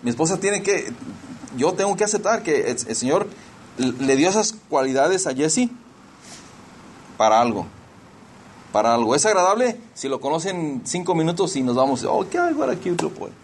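A man's voice: on the high side, expressive, normal speed, pauses often, a little hiss or hum. A middle-aged man preaching a sermon in a conversational way, slipping into English phrases and often restarting his sentences. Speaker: pastor.

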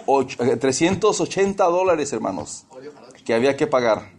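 A man's voice: mid-range voice, very animated, moderate pace, darkish tone. A man preaching a sermon, telling personal stories, calling listeners brothers and slipping English words into his talk.

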